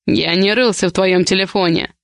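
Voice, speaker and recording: A woman voicing a domineering, possessive young man who gives low, menacing commands in an audiobook romance. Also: steady tone, moderate pace, dry recording, clean studio sound, close to an everyday voice.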